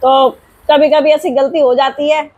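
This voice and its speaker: A woman's voice: sits high, flat delivery, unhurried, darkish tone, muffled recording. A young woman vlogger and mother telling a home story in a chatty, rambling way, repeating herself as she goes, then drawing a moral.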